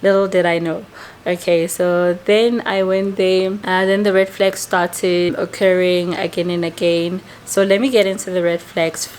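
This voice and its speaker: A woman's voice: lowish voice, level tone, unhurried, a little mellow, slight background noise. A woman who teaches English, chatting casually to camera as she tells a long story and often tacks a questioning "right?" onto her sentences. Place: indoors, lawnmower outside.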